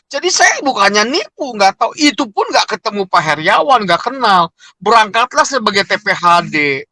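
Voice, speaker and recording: A man's voice: high-pitched, bright, forceful tone, dry recording. A middle-aged man telling his personal story with emotion, often addressing his listener as "Pak". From Indonesia. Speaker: interviewee. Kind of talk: personal testimony.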